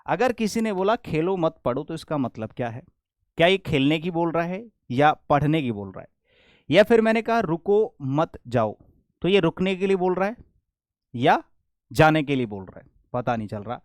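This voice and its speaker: A man teaches grammar in a high, clear voice. He explains step by step and repeats his questions back to the class. The recording is dry and close. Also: very animated, moderate pace, no room sound. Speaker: English teacher.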